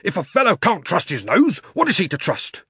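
Bulldog: stubborn, indignant, raspy, bright edge, done by a man. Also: sits high, wildly swooping pitch, brisk, dry recording, clean studio sound, pitched above the performer's own voice, exaggerated voice. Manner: indignant, gruff. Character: stubborn gruff male bulldog.

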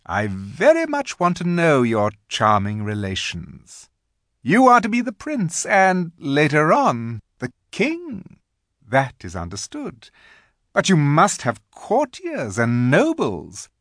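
A reader voicing an imperious, scheming witch queen from a children's storybook, sweet-talking in grand, drawn-out phrases. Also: mid-range voice, wildly swooping pitch, dry recording, clean studio sound, voice pushed up. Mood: sweetly coaxing.

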